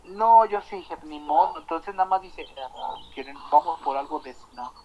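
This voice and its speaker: A man with a Mexican accent telling a story in casual chat, animated and swearing, acting out the dialogue. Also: on the high side, normal speed, muffled recording, a crowd in the background.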